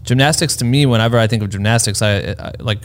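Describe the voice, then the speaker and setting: Lower-voiced casual podcast host. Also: male voice, fast. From Iowa, USA. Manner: loose and enthusiastic, swears freely, many "like" fillers. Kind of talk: casual interview chat.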